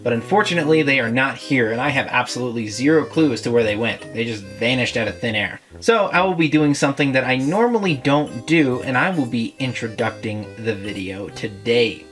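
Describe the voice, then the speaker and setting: A man's voice: medium pitch, a little fast, few pauses, fairly bright tone, soft background music. A man hosting a casual toy review, talking in a chatty, rambling, self-deprecating way.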